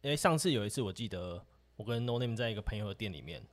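A man's voice: lowish voice, animated, fast. A man with a Taiwanese Mandarin accent co-hosting a podcast, asking questions and telling a short anecdote. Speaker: podcast co-host. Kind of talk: casual chat.

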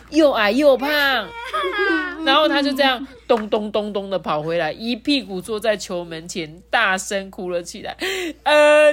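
A woman reading a picture book aloud to children, lively and playful, with chatty asides. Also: medium pitch. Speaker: storyteller.

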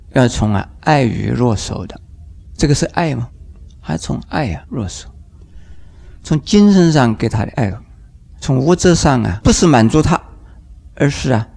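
Older male Buddhist teacher, gravelly mid-pitched voice, unhurried dharma lecture with drawn-out phrases and brief acted-out quotes. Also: a little mellow. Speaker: Buddhist master giving a dharma talk.

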